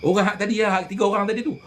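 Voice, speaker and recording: A man, a religious healer telling animated stories in casual chat, often addressing listeners directly. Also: high voice, slight background noise.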